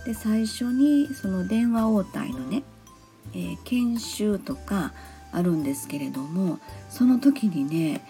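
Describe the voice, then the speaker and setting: A woman with a Kansai accent talks on her own show in a polite, chatty way, dropping fillers as she goes. Her voice is mellow and soft-edged, at a middle pitch. Faint music plays behind her. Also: animated, slow. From Osaka, Japan. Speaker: podcast host. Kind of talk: casual solo talk.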